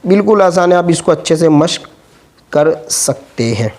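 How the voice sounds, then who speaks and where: Letter by letter and syllable by syllable, a man patiently guides a slow, spelled-out Urdu reading lesson. His voice is a little high, expressive, and darkish in tone.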